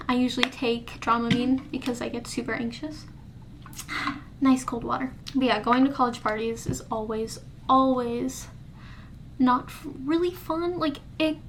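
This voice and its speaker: Speaking into a camera right in front of her face, an early-twenties vlogger rambles candidly indoors in her bedroom, restarting as she goes in a casual diary-style video. Her voice leans high, and there's slight background noise.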